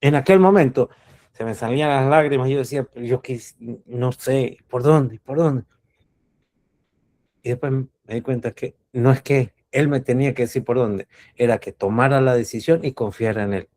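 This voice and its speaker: A man's voice: medium pitch, fairly quick, a little mellow. Earnest man teaching on faith. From Cuba. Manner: earnest, repeats key words, asks rhetorical questions. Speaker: spiritual coach. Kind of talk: reflective spiritual teaching talk.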